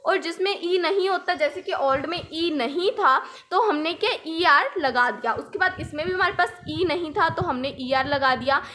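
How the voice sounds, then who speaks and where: A woman's voice: extremely high pitch, moderate pace, few pauses, sharp tone. A young woman teaching English grammar in Hindi, patiently repeating points and asking the viewer rhetorical questions. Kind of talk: explaining grammar lesson in Hindi with English examples.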